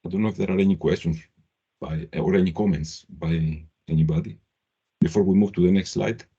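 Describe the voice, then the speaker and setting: Deep, husky man on a video call. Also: fairly even intonation, mellow. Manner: halting, restarts phrases. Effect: heard over a video call. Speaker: meeting chair. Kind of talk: business meeting update. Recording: slightly muffled video call audio.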